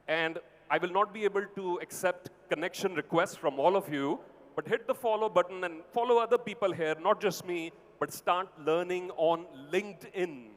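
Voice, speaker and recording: Indian guy teaching a big crowd, short punchy lines and questions, highish voice, long reverb. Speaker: motivational speaker. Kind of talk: interactive motivational talk to a large live audience. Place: large event venue with long reverb.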